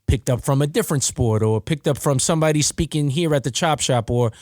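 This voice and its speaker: A man's voice: a little high, brisk, a little mellow, dry recording, studio quality. A man hosting a casual podcast conversation, talking reflectively like a mentor and asking his guest leading questions. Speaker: podcast host and referee.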